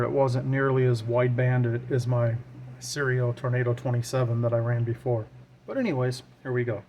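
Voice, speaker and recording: A radio hobbyist demonstrates his equipment in an informal hands-on tutorial, thinking aloud as he works. His mid-range voice is a little mellow, and the background noise is clear.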